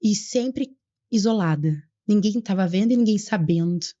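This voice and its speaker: A young adult woman, telling her personal story as a podcast guest in an earnest, fervent way and slowing down for emphasis. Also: mid-range voice, warm tone, lo-fi sound. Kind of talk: emotional personal testimony.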